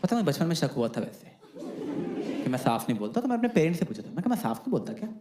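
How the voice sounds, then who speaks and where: A man's voice: a little high, rapid-fire, very noisy. A man with a slight lisp performing a self-mocking stand-up comedy set on stage. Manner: self-mocking, animated storytelling. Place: comedy club stage, roomy hall. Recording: roomy stage recording with loud crowd. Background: loud audience laughter.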